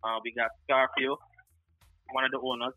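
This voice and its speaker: A man's voice: mid-range voice, flat delivery, moderate pace, bright, forceful tone, no room sound, soft background music, low-quality recording. A man from Guyana, talking casually in an interview about his work as a sound clash selector and often tagging on "you know what I mean.".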